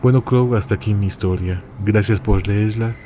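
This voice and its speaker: A man hosting a horror story channel, reading out a listener's tale in a measured, steady scripted narration. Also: on the low side, slight background noise.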